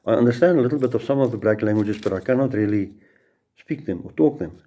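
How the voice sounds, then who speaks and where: A middle-aged judge with a South African Afrikaans accent gives an informal law lecture in a lowish, mellow voice, speaking fast. He fills it with courtroom stories, often repeating words and restarting his sentences.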